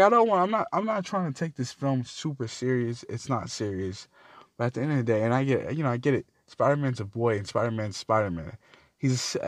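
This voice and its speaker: A man's voice: no room sound, clean studio sound. A young man ranting about a film, swearing often, his voice jumping up when he gets outraged. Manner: heated, swearing, pitch jumps up when outraged. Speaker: video creator. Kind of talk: profane film rant.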